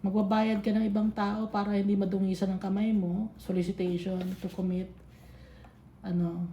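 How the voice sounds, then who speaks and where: A woman's voice: medium pitch, level tone, moderate pace, mellow, lo-fi sound, a little hiss or hum. A woman teaching a casual Bible study in mixed Tagalog and English, chatty and scolding, laughing often. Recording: echoey room.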